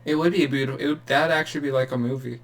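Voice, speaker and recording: A man's voice: medium pitch, fairly even intonation, rapid-fire. A young man co-hosting a podcast in casual chat, sarcastic and rambling with lots of fillers and laughter. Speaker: podcast co-host.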